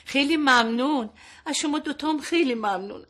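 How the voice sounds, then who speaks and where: A woman's voice: fairly high pitch, lively intonation, fairly bright tone. A woman playing an older mother who speaks fondly, close to tears, in a sitcom. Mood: moved. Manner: tearful, fond. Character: emotional older mother, proud and tearful.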